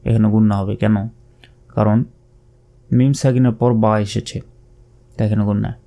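A man with a Bangladeshi Bengali accent teaching Quran recitation, patiently spelling out each letter and drawing the words out slowly. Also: on the low side, flat delivery, creaky, dark tone.

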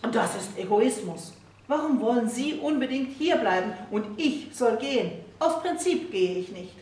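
A woman's voice: a little high, expressive, normal speed, darkish tone, pitched above the performer's own voice, close to an everyday voice. Woman reading as stubborn young student. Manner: curt, insistent, stiffly polite. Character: stubborn young male student, curt and prickly. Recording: roomy distant reading with faint hiss.

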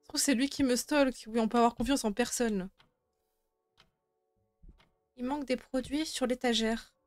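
A woman's voice: fairly high pitch, steady tone, moderate pace, no room sound, clean studio sound. A young woman streaming a horror game with casual commentary, jumpy and grumbling to herself as she plays, swearing freely. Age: young adult. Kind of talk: casual let's play commentary. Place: indoor room at home. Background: game music and rain sounds.

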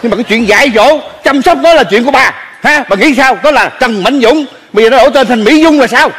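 A blustering middle-aged husband with a high, sharp voice. He argues loudly and insists he is in the right. The sketch is performed on stage. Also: fast, husky, exaggerated voice. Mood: indignant. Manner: loud, blustering argument.

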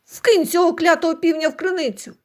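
A woman's voice: very high voice, fairly even intonation, brisk, voice pushed up. A woman voicing an arrogant, angry rich landlord in a folk tale, giving blustering commands. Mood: angry commanding.

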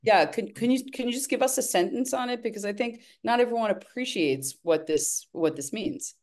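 A woman's voice: fairly high pitch, fairly quick, darkish tone. A woman hosting a conversation who talks thoughtfully and often restarts her sentences. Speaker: host. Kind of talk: conversational interview.

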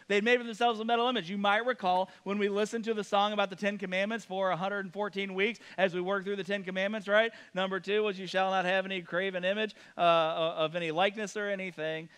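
A man in his thirties preaching, his voice sitting high and carrying with a smooth, resonant tone. He teases the congregation with joking asides as he reads and explains scripture. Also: little pitch movement, quick pace, hardly any pauses, a bit bright. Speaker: pastor. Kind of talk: sermon. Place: church.

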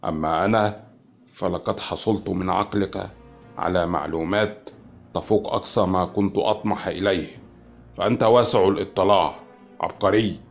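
Guy voicing an icy alien envoy in an audiobook, very deep, slow and calm. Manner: cold and unhurried.

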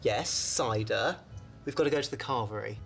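A man's voice: mid-range voice, normal speed, creaky, fairly bright tone, faint music behind. A teenage boy in a scripted sitcom, speaking in a formal, pompous way. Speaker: schoolboy character.

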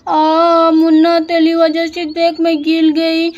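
An eager, sneaky little girl in a doll story chatters excitedly to herself, as a woman puts her on. The voice is high-pitched and quick to fuss and boss. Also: muffled recording. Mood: bossy fretful.

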